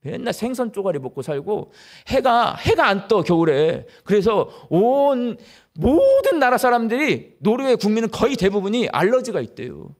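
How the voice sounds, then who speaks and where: Lively high-voiced man preaching. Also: moderate pace. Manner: animated, rhetorical questions to the congregation. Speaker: pastor. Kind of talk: sermon. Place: church during a live service.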